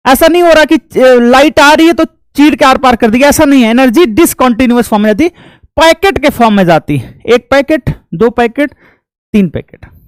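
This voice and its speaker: A man's voice: very high voice, animated, brisk, smooth, no room sound. A man teaching a physics lecture in a homely, folksy way, asking each point back as a question and answering it himself. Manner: homely, folksy explanations with sound effects. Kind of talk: classroom lecture.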